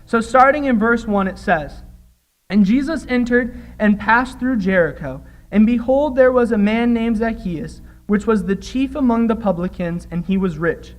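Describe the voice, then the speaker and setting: Young man, high voice, church sermon, earnest, scripture reading. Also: moderate pace, low-quality recording. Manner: earnest, acts out quoted voices while retelling. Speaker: preacher.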